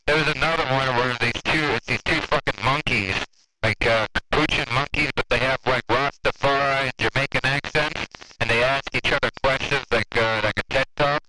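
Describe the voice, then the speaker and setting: A man's voice: mid-range voice, moderate pace. A man telling loose, profane stories in casual chat on a two-way radio, laughing easily. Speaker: radio operator. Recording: static-filled two-way radio.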